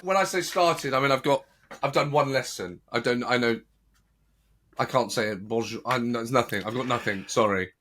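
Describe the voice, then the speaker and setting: A man's voice: medium pitch, normal speed, fairly bright tone. A man co-hosting a podcast in casual chat, giggly and playful, often stammering. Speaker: podcast co-host.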